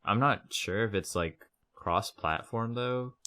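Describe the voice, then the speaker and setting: A man co-hosts a podcast in easygoing casual chat. His voice is very deep. He chimes in with short, laid-back remarks. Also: slow, bright, forceful tone. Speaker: podcast co-host.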